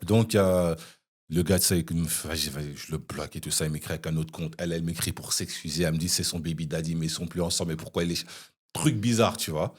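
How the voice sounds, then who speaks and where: A young man, a podcast guest, telling an animated anecdote in casual chat, with frequent "you see" asides. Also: deep voice, fast, slightly rough.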